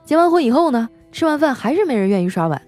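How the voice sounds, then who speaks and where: A woman's voice: sits high, very animated, quick pace, a little mellow, faint music behind. A woman host telling comic family stories in a chatty, teasing way, laughing often. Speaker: radio-style host. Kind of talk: comic storytelling monologue.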